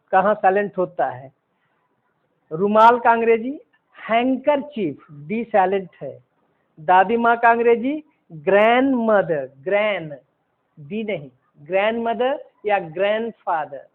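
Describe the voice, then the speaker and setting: A man teaching English pronunciation, explaining word by word in a slow, deliberate way. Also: high voice, expressive. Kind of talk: pronunciation lesson. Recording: phone-like narrow sound.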